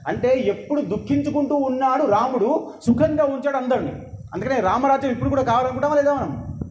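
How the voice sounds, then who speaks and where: A man's voice: very high voice, fast, noisy background. A man giving a religious sermon who lectures emphatically and asks his listeners rhetorical questions. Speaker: religious discourse speaker. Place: temple hall. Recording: echoey hall with faint ambience.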